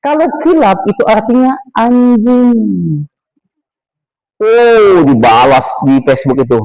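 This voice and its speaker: A man, an ustadz teaching Quran tafsir in a mosque, swinging between high emphatic bursts and low quiet asides and chanting Arabic verses slowly. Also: animated, dry recording, poor audio. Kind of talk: sermon-style Quran lesson.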